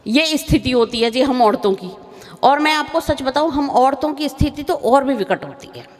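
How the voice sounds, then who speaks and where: A woman's voice: sits high, animated, a little mellow. A woman comic poet on a live stage, chatting and teasing the audience through a microphone. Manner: chatty, teasing the audience, sings a slow verse. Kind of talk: stage comedy poetry recital. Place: live stage show in a hall. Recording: reverberant hall sound.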